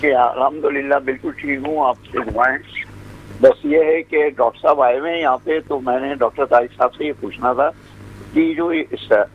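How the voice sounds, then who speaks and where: A man in his sixties with a Pakistani accent, calling in to the show and speaking earnestly and haltingly. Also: mid-range voice, a little hiss or hum. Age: 60s. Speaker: caller. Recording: dull phone-in line.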